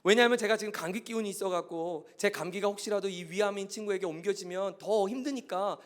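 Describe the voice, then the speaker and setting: A man's voice: high-pitched, fast talker. A male pastor telling a story in a sermon, earnest and growing impassioned and pleading.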